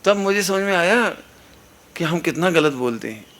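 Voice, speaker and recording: A man's voice: high-pitched, animated, moderate pace, fairly bright tone. A middle-aged man preaching a sermon at a religious gathering on a microphone, earnest and instructive, asking the listeners rhetorical questions. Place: satsang gathering hall. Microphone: amplified microphone.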